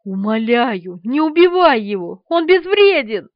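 A woman's voice: sits high, sing-song, measured pace, no room sound, muffled recording. A woman voicing an eager young man who fusses over his pets, in an urgent, fussing manner, reading an audiobook.

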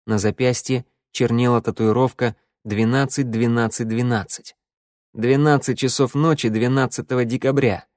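A man voicing a pale young man speaking quietly and casually, confiding his past. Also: medium pitch, no echo, clean studio sound, natural voice.

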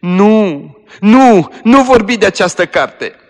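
A man's voice: sits high, lively intonation, pitched above the performer's own voice. A man playing a dying young woman in anguish. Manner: crying out in anguish, refusing. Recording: echoey hall.

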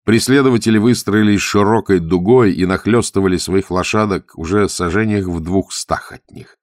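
A man narrating an adventure audiobook with vivid, expressive storytelling. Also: on the low side, moderate pace, no echo, clean studio sound.

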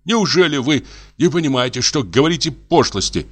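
A man's voice: lively intonation, brisk, husky. Enraged nervous doctor, shrieking and trembling, male reader voicing him. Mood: indignant. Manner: shouting, shrill, trembling. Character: nervous middle-aged male doctor, raging in despair.

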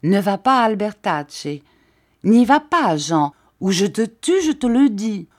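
A woman reading an audiobook and voicing a menacing young man who shouts a threat. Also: medium pitch, sing-song, measured pace, pitched above the performer's own voice.

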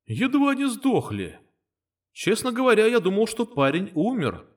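A man doing a high, sardonic ancestor spirit. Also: wildly swooping pitch, a little slow, exaggerated voice. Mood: wry. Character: grumpy ancestor spirit living in a stone.

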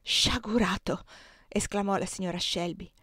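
A woman reading a classic novel aloud as an audiobook, narrating calmly and evenly. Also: on the low side, a little fast, no echo, clean studio sound. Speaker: reader.

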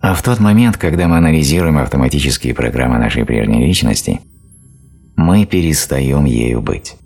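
A man narrating a self-help audiobook in a steady, explanatory reading style. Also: very deep voice, normal speed, soft background music. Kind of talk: scripted narration.

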